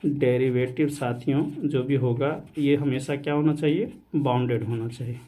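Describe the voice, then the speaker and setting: Male math teacher lecturing online, keeps asking the class questions then answering, mellow tone. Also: medium pitch, steady tone, moderate pace. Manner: repeatedly addresses students as "saathiyon", mixing English math terms; asks rhetorical questions then answers them. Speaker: maths teacher. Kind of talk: online exam-prep lecture.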